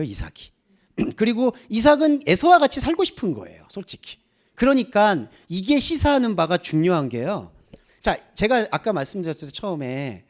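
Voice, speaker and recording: A man preaching a sermon as a pastor, asking the congregation rhetorical questions. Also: sits high. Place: church.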